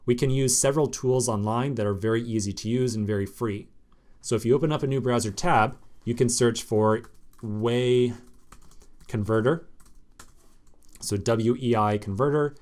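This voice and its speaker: A man's voice: mid-range voice, a little mellow. A man teaching a screencast coding lesson, explaining step by step in a casual way with fillers. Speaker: programming instructor.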